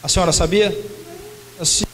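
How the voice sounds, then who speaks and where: A man's voice: high voice, steady tone, normal speed, a bit bright, low-quality recording. A man preaching and prophesying at a church service, urgent and commanding as he directs people. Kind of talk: charismatic church ministry. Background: music playing.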